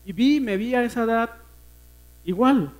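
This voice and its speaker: A man with a Mexican accent preaching a personal testimony at a church service, earnest and emotional, often dropping to a hush. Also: very high voice, animated, moderate pace, low-quality recording. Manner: earnest, emotional storytelling that often sinks to a hushed voice.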